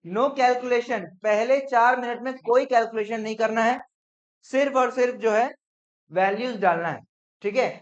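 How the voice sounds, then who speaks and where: A man teaching accounts in a classroom lecture, brisk and coaxing, often checking whether students follow. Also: very high voice. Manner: brisk, coaxing, peppered with "theek hai?". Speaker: commerce teacher. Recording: dull lo-fi classroom recording.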